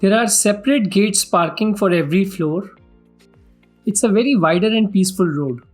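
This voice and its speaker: A man's voice: high voice, normal speed. Indian-accented man presenting a property tour, music behind. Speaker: property vlog host. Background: background music.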